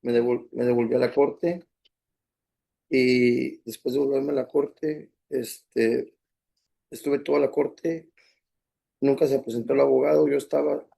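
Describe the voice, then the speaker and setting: A man's voice: mid-range voice, fairly even intonation, moderate pace, gravelly, long pauses, mellow, slightly rough. A man who is a native Spanish speaker, giving courtroom testimony as a defendant. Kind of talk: courtroom testimony through an interpreter.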